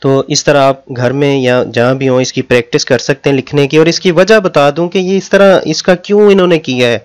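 Teaching Korean, an Urdu-speaking man explains with patience and drags out pronunciation drills slowly. His voice is a little high and smooth.

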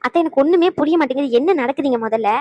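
A woman's voice: sits high, rapid-fire, no echo, dull audio, natural voice. A woman voicing a suspicious young wife in a cartoon, pressing for answers. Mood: demanding. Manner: demanding, pressing questions.

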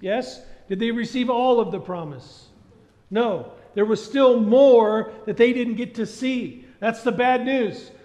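A middle-aged man preaching a sermon on a church stage, animated and asking the congregation questions. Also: extremely high pitch. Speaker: pastor. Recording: dull sound with long hall reverb.

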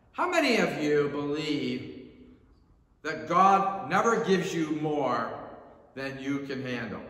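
A man's voice: sits high, pushed and bright. A middle-aged man, an associate pastor, preaching an earnest sermon from the pulpit on a stand mic. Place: church sanctuary, indoors. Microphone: stand mic on pulpit, far camera. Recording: roomy church echo with long reverb.

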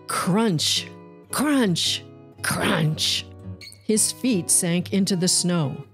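A woman reading a picture book aloud to young children, deliberately, stretching key words with storyteller emphasis. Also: mid-range voice. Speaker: children's book reader and channel host. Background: plucked guitar music.

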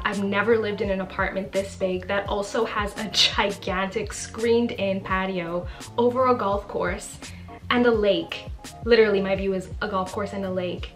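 A woman's voice: mid-range voice, fairly bright tone. A young woman from the Bahamas talking to the camera in a casual, emphatic vlog in a small living room. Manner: chatty and emphatic, often says literally. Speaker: vlogger.

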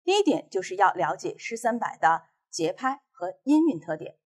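Female teacher from China, recorded class lecture, measured and clear, lively pitch, a bit husky. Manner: clear, measured explanation of reading techniques.

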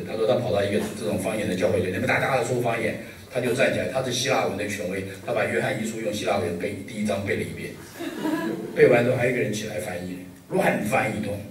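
Joking pastor preaching in an echoey hall. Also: male voice, fairly low pitch, fast talker, recorded from a distance, background noise. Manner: lively, joking, full of rhetorical questions. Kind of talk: sermon.

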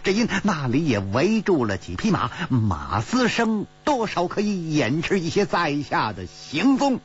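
A man's voice: a little high, huge pitch swings, a little slow, husky, muffled recording, faint music behind, voice pushed up, full character voice. A man voicing an earnest male swordsman who eagerly recounts what he saw, in a storytelling audiobook. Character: earnest male thief-hero reporting his scouting.

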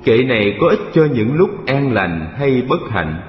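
Man narrating as a calm, wise Buddha, echoing. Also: mid-range voice, measured pace. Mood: kindly. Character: calm, wise male Buddha teaching in verse. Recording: echoey hall reverb, dull sound, music behind.

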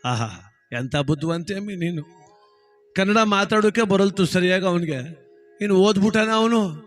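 High-voiced comic storyteller. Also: male voice, moderate pace, fairly bright tone, faint music behind. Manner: chatty, teasing asides. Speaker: comedy storyteller. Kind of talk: folk comedy storytelling.

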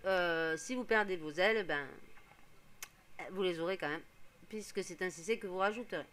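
A hoarse woman streaming a life-sim game, explaining each step casually with lots of fillers. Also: medium pitch, a bit bright, a little hiss or hum. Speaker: gaming streamer. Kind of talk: casual gameplay commentary.

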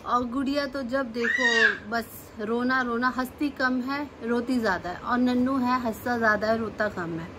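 A woman with a high voice talks in teasing, sing-song baby talk to her small son at home and repeats her lines over and over. She scolds him in fun and turns to chat with her viewers. A steady hiss sits under the home recording. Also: normal speed, few pauses. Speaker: mother and family vlogger. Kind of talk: playful baby talk with a toddler and asides to viewers. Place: home, beside sleeping children.

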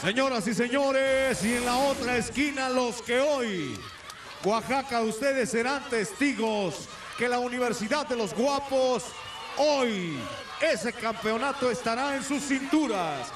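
A Mexican man in lucha libre announcer style, hyping wrestlers with drawn-out shouts and emphatic repeated words. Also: very high voice, distant mic, background noise. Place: ringside at a packed outdoor arena. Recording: loud live arena broadcast with music.

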